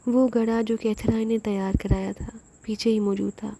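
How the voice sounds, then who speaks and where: A woman reading a suspense novel aloud as an audiobook narrator, with steady dramatic delivery. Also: a little high, vocal fry. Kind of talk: storybook narration of a spy novel.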